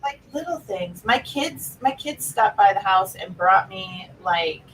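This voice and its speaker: A woman's voice: medium pitch, lively intonation, unhurried, a bit bright, recorded from a distance, a little hiss or hum, poor audio. A woman co-hosting a casual chat over a video call, rambling and hesitant with lots of fillers. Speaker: co-host.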